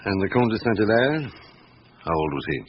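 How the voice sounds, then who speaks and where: A chief inspector in a radio drama, questioning patiently and persistently. His low voice moves very freely up and down, broken by thoughtful hums. The recording is dull and lo-fi. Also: big pitch swings, slight background noise. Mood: patient, probing. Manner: deliberate, persistent questioning with hesitant hums and pauses.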